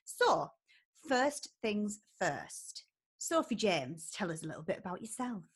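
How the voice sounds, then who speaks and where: A woman's voice: medium pitch, sing-song, measured pace, husky. A woman chatting casually as a podcast host, in a breezy, jokey way.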